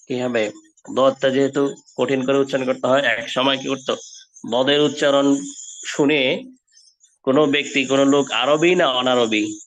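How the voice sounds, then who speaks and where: A man's voice: medium pitch, highs cut off. A man teaching an online Quran lesson for children, stretching out model pronunciations of Arabic letters.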